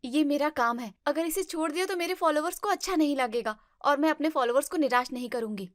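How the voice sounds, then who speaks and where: A pouting young wife and vlogger, acted by a woman talks in a brightish, higher voice, quick to take offense. The sound is dry and close to the mic, with no room echo. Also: lightly acted. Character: young newlywed wife, touchy social media vlogger. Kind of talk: family drama acting.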